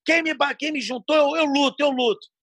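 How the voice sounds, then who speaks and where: A man voicing a beaten young male jiu-jitsu student who whines and begs in a high wail. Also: brisk, a bit bright, dry recording, studio quality. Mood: whiny. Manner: high wailing, begging.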